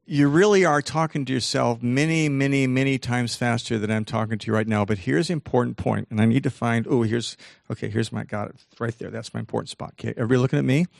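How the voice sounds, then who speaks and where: An older man giving a lively motivational talk. He slows down to stress key points and acts out quoted voices with big jumps in pitch. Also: creaky, dry recording, studio quality. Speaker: speaker giving a talk on self-talk.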